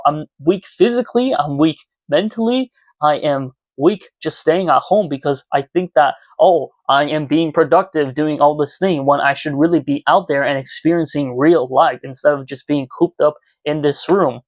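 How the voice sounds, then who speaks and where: Talking to viewers from a small room indoors at home, a twenty-year-old YouTuber is earnest and reflective in a casual confessional vlog. His voice is a little high, with no room sound.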